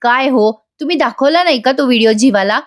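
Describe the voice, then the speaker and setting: A woman voicing a playful, pushy young wife in a serial recap, scolding and excited. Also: high-pitched, fairly quick, voice pushed up, lightly acted.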